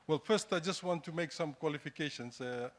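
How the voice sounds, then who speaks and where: A man's voice: on the high side, fairly quick. Fijian-accented man giving an informal talk. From Fiji. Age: middle-aged. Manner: self-deprecating, hesitant, conversational. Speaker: guest speaker, entrepreneur. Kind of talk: informal public talk to an audience. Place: indoor hall, standing at a lectern.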